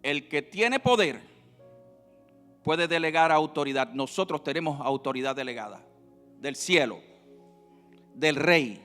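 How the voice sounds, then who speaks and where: A male pastor preaching a sermon, swinging between loud emphasis and quiet, drawn-out teaching. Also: fairly high pitch, lively intonation. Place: church sanctuary. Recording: reverberant hall with faint music.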